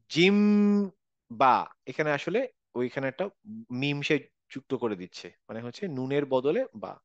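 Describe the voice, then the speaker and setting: A man's voice: fairly high pitch, no echo, dull audio. A man teaching Quran recitation rules in an online class, patiently explaining step by step. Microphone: video call.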